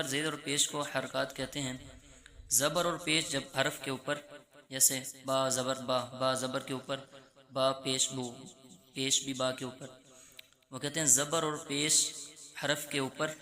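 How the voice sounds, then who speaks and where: A man teaching a children's Quran reading lesson with a Pakistani Urdu accent. He explains each rule, then slowly chants the syllables. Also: mid-range voice, bright, forceful tone, reverberant.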